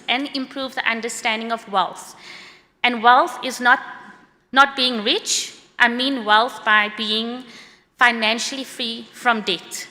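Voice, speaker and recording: A middle-aged woman with a South African accent presents her work at a conference in a brisk, earnest, partly read-out style. Her voice is bright and somewhat high. The sound carries a long hall reverb. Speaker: course creator presenting at a conference. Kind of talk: prepared conference talk.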